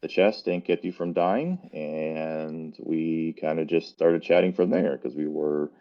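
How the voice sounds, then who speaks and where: A man's voice: very deep voice, fairly even intonation, unhurried. A man co-hosting a casual podcast, speaking in a thoughtful, hedging way through a muffled microphone. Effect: muffled, dull-sounding mic. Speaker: podcast co-host. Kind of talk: casual chat. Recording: muffled lo-fi stream mic.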